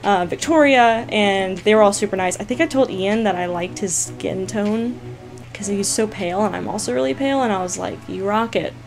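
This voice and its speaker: A young woman gaming vlogger, telling a story casually to camera, chatty and excitable, full of "like" and "you guys". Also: medium pitch, normal speed, creaky, soft background music. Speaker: gaming YouTuber answering viewer questions.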